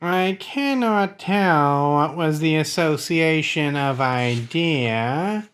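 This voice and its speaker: A woman voicing a crippled male court jester in a gothic tale, outwardly tranquil and quietly cunning, with measured delivery. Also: low-pitched, lively intonation, pitched below the performer's own voice. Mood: sly calm. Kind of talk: dramatic gothic story reading.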